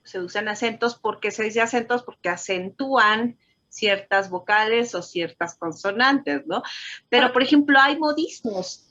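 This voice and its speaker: A woman with a fairly high voice speaks as a voice teacher, engaged and explaining with examples. Her audio is dull and lo-fi, lacking crisp highs. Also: unhurried, bright, forceful tone. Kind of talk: reflective conversation.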